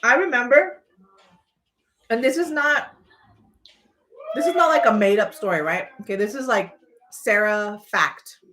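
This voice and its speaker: A woman hosting a casual livestream, telling personal stories in an animated, playful, rambling way with emphatic points. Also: a little high, a little slow, long pauses. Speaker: livestream host.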